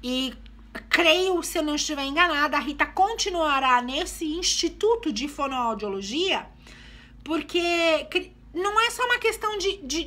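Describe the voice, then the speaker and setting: A mother of two vlogs about her children, talking to camera in a high, pushed, bright voice. She's chatty and explanatory, often calling her viewers "gente" and tagging lines with "né".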